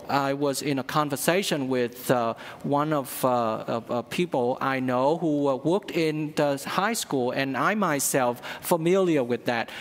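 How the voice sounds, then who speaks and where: A middle-aged man, a priest, giving a sermon at the altar with a slow, halting delivery full of fillers. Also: a little high. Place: large church sanctuary at the altar. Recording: long church reverb.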